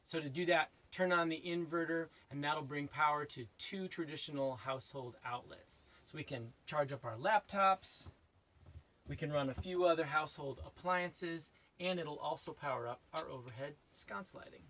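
A man's voice: on the high side, normal speed, a bit bright. A man in his forties presenting an explanatory vlog from inside a small trailer. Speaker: vlog co-host.

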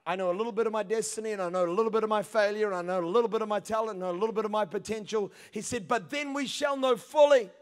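A man in his thirties preaching a sermon on a large church stage into a handheld mic, swinging between hushed passages and shouted peaks. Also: high voice, very fast, hardly any pauses. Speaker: pastor. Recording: long hall reverb.

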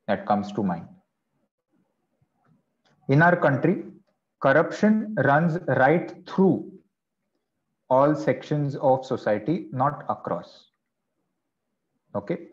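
Man teaching an online class, lo-fi sound. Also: medium pitch. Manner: explains slowly, checks in with "okay" and "right". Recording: dull lo-fi online class audio.

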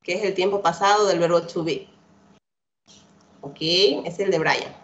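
A woman's voice: lowish voice, measured pace. Woman teacher drilling verb lists. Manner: patient, repetitive drilling, frequent "¿verdad?" checks. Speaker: English teacher. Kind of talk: online class lecture. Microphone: computer mic on a video call. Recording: dull lo-fi video call audio.

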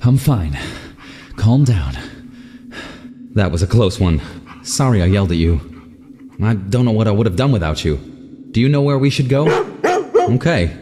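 A man's voice: on the low side, animated, normal speed, long pauses, mellow, in a large hall, slight background noise, natural voice. An actor playing a curious male explorer of ancient ruins in a video game, musing aloud as he puzzles over clues. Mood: reassuring. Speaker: game protagonist.

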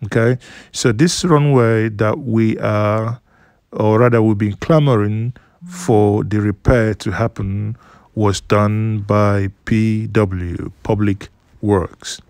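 Guy talking slow over photos, lotta ums, dry close sound. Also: lowish voice, steady tone, a little mellow, no room sound. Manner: unhurried, explanatory, with many fillers and restarts. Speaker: news commentator. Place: studio voice-over, not at the pictured site.

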